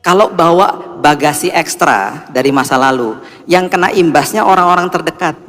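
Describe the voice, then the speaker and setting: Pastor with a fairly high voice, echoing hall. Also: male voice, normal speed. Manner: animated storyteller, acts out dialogue. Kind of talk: sermon with storytelling. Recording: long hall reverb, faint music.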